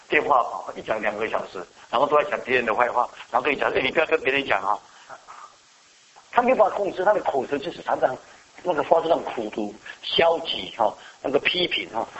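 Male pastor, bright voice, question-and-answer sermon, muffled lo-fi recording. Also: mid-range voice. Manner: asks the congregation questions and answers them.

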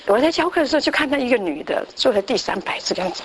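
A woman's voice: sits high, lively intonation, racing, slight background noise. A woman preacher delivering a conversational sermon that tells a story, with frequent restarts and tag questions.

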